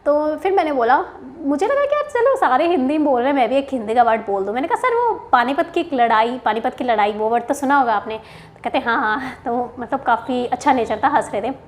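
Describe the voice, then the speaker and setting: High-voiced chatty young woman. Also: big pitch swings, fairly quick. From Haryana, India. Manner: chatty, mixes Hindi and English, frequent "theek hai" asides. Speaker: bank officer sharing interview experience. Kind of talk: casual storytelling to camera.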